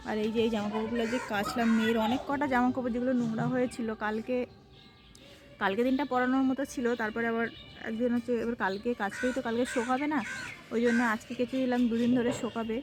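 A woman's voice: a little high, fairly even intonation, fast, over music. Chatty woman vlogging with a sore throat. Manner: chatty, narrating chores as she works. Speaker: home vlogger. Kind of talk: casual home vlog narration.

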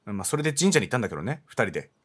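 Excitable male game streamer. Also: medium pitch, very fast, breathy edge. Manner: loud, excitable, laughing. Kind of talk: let's play commentary.

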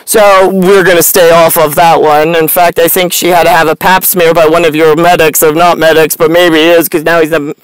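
A woman vlogger in her forties sits in a parked car at night, rambling to the camera up close in a blunt, sardonic, profane stream-of-consciousness monologue while gesturing animatedly with her hands. Her fairly low, clear, resonant voice moves briskly with few pauses. There's no room sound, but the recording is rough.

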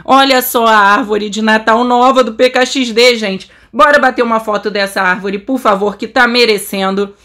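Gushing bright-voiced young Brazilian woman. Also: fairly high pitch, fairly even intonation, normal speed, few pauses. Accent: Brazilian Portuguese. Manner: gushing, exclamatory, says she is trembling. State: excited. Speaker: game channel host. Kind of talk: excited gameplay commentary.

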